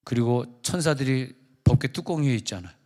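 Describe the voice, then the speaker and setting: A man's voice: medium pitch, expressive, brisk, mellow, long reverb tail. A male pastor giving a conversational, joking sermon to his congregation. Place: large church sanctuary.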